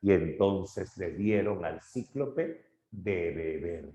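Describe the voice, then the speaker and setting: A male literature teacher retelling a story dramatically, shifting his pace and loudness, in an echoey room. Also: deep voice, slow pace. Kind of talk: lively story retelling in a lesson.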